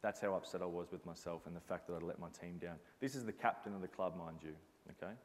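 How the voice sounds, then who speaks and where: In a motivational talk, this Australian ex-basketball captain speaks earnestly and reflectively, his voice sitting low and his pace quick, with a reverberant hall sound around him.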